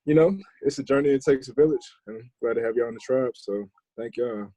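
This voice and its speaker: A man chatting on a casual group podcast, slangy and laid-back. His voice is husky and sits at a middle pitch. The sound is dry, with little room around it. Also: a little fast, warm tone, dry recording, poor audio. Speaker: podcast co-host.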